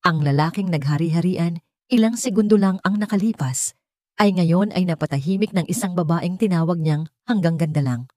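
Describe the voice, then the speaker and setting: This is an audiobook narrator, a woman with a Filipino accent reading a scripted dramatic story. Her voice sits fairly low and is slightly mellow, captured as a dry, studio-quality recording.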